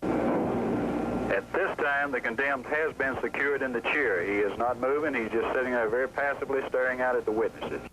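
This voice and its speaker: A man from a prison staff, heard on an old archival tape recording, giving a flat, matter-of-fact running commentary. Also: medium pitch, moderate pace, noisy background.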